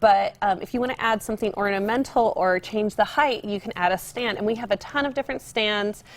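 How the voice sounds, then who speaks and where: The young American guest from the home decor shop talks at a fairly quick pace in a mid-range voice. She's relaxed and cheerful, walking viewers through a demonstration during a casual interview in a TV studio.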